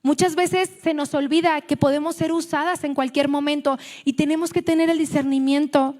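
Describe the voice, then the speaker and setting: A Mexican woman preaches to a women's gathering in a high voice, chatty and storytelling, often restarting her words. Her voice carries a long hall reverb. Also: steady tone, moderate pace, a little mellow. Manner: conversational, storytelling, self-correcting. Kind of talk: sermon at a women's meeting.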